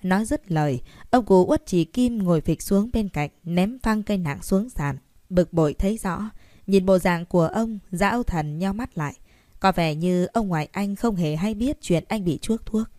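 A woman narrates an audiobook story in a steady, even manner. Her voice sits at a middle pitch. The recording is dry and close, with no room sound. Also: normal speed, no room sound.

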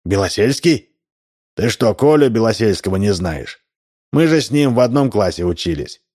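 A man's voice: on the low side, animated, moderate pace, darkish tone, slightly rough. A man reading a story aloud voices a stubborn, puzzled ordinary man who argues bluntly and insists on answers. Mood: insistent.

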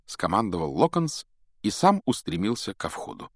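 A male audiobook narrator with a lowish voice. He tells the story in a measured, expressive way. The recording is dry and close to the mic. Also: no room sound. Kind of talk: scripted narration.

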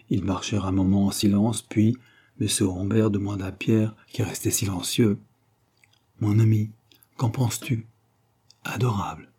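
A man reading a classic French novel aloud in an even, unhurried narration. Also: lowish voice, breathy edge. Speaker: audiobook reader. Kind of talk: scripted literary narration.

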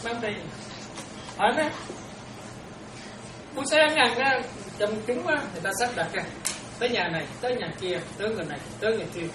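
A woman's voice: on the high side, animated, brisk, pauses often. A Buddhist nun gives an informal dharma talk, chatting and often checking that her listeners are following. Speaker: Buddhist nun teaching disciples. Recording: roomy, distant, noisy room recording.

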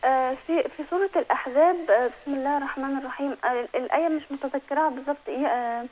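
A woman with an Egyptian accent calling in over the phone, hesitant and full of fillers, reciting verses slowly. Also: high voice. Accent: Egyptian Arabic. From living abroad. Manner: hesitant, many fillers and restarts. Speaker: caller. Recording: tinny phone line.

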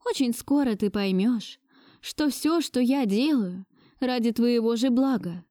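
A woman's voice: a little slow, dark tone, dry recording, clean studio sound, lightly acted. A woman voicing a domineering, wealthy old grandmother who scolds in an imperious tone. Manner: shrill, imperious reproach. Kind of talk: audiobook dialogue reading.

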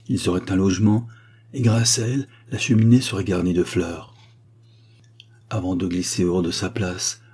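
A man narrating a work of literary fiction as an audiobook, with a measured, expressive reading. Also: fairly low pitch, breathy edge.

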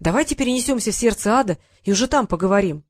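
A woman's voice: medium pitch, animated, rapid-fire, lightly acted. A woman reading the part of an eager, nervous young male apprentice wizard. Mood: anxious. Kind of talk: audiobook character reading.

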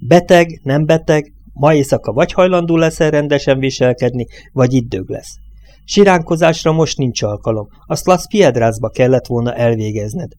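A man's voice: medium pitch, a little mellow, lightly acted. A man voicing a domineering, coarse truck driver in an audiobook reading, pressing his nervous partner hard. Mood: bossy.

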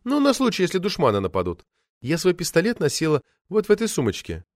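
A man voicing a zealous, excitable middle-aged woman poet in an audiobook, talking fast and declaiming. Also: on the high side, no room sound, studio quality. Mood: fervent. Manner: rapid, declamatory. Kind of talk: audiobook character voice.

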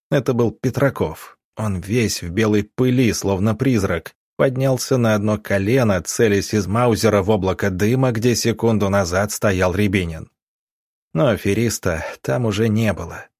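Low husky male audiobook narrator. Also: a little mellow, no room sound, clean studio sound.

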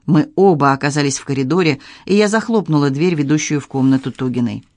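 A man reading an audiobook in measured, even narration. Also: a little high, dry recording. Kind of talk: scripted narration.

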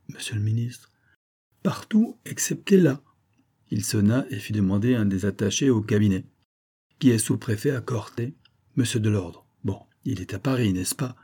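A man narrating a classic novel aloud, shifting his pitch and loudness to voice each character. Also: breathy edge. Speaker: audiobook reader. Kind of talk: scripted narration with voiced dialogue.

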